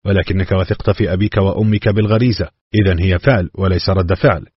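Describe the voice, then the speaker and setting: A man's voice: sits low, fairly even intonation, husky, dry recording, lo-fi sound. A man reading as a probing therapist. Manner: probing, measured questions. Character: calm questioning male therapist.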